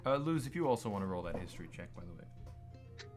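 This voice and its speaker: A man's voice: low voice, very animated, a little fast. A man casually narrating a tabletop role-playing game as game master. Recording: background music under the voice. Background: plucked guitar music.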